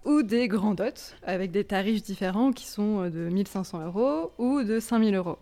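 Female podcast co-host, average pitch, conversational news explainer. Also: normal speed, warm tone. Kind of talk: casual news presentation in conversation.

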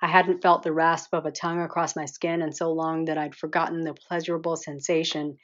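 Audiobook narrator: woman, deep voice, soft intimate first-person reading, slightly dull lo-fi recording. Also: little pitch movement, brisk.

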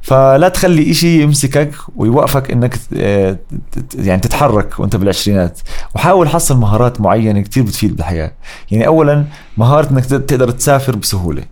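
A man's voice: mid-range voice, expressive, fast, a little mellow. A man in his thirties with a Jordanian Arabic accent, chatting casually as a podcast guest and dropping in English words. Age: 30s. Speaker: podcast guest, voice-over artist and content creator. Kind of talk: casual conversational interview, mixing in English words.

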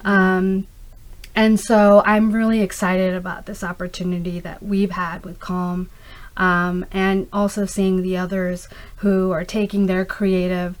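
A middle-aged startup founder, born in Karachi, Pakistan, and raised in the United States from age five, answers interview questions as a guest. A native Urdu speaker, she talks in a medium-pitched voice with flat delivery, a little slowly, and her answers are earnest, discursive and conversational.

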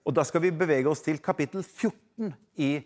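A man preaching a sermon who addresses the congregation directly, swinging between loud emphasis and hushed passages. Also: fairly high pitch.

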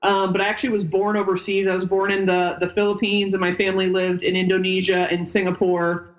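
A chatty, rambling podcast guest, this woman in her thirties grew up in upstate New York, United States, and once played and coached basketball. In the casual interview she often loses her thread mid-sentence. Her medium-pitched voice moves fairly quickly with little pitch movement, and the sound is lo-fi.

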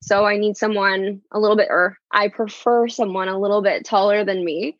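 A woman's voice: mid-range voice, steady tone, normal speed, dry recording. A woman guest telling a personal story over a video call, chatty with lots of fillers. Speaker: podcast guest. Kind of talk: casual storytelling. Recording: dull, dry video call audio.

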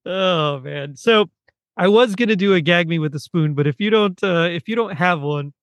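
A man talking as a podcast guest in a casual chat, chatty and quick to laugh. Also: sits high, no echo.

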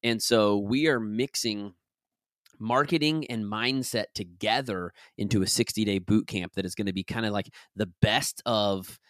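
A man hosting a podcast and coaching his listeners, chatty and upbeat, his voice raspy as he recovers from being sick. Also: lowish voice, normal speed, no echo, clean studio sound. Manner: upbeat and enthusiastic; chatty and rambling. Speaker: podcast host and business coach. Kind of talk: casual podcast talk and reading from his own book.

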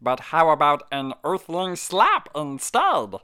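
A woman playing a stiff, touchy alien prince with a slow, swooping voice. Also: low-pitched, wildly swooping pitch, a bit bright, smooth, no echo, clean studio sound, full character voice. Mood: grateful. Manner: formal, stiff, easily offended. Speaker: guest on an advice show.

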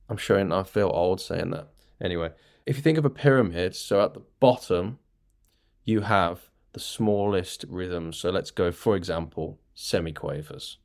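A man's voice: sits low, unhurried, creaky, darkish tone. A man, a music teacher and podcast host, explaining rhythm games in a chatty way. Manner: chatty, explanatory, claps and taps examples. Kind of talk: casual teaching talk.

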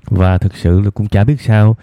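A man with a southern Vietnamese accent hosting an evening advice programme, talking reflectively to listeners in a subdued, unhurried, deliberately low tone. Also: steady tone, no room sound. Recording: thin, phone-like band-limited sound.

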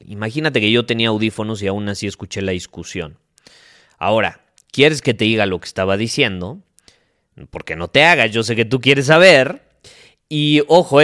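A man's voice: medium pitch, fairly bright tone, clear, resonant tone. A man hosting a podcast, giving an emphatic, preachy motivational monologue and talking straight to the listener. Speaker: podcast host.

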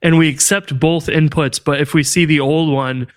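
A man co-hosting a casual tech podcast, telling stories in an animated, exasperated way. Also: on the high side, normal speed. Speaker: podcast co-host.

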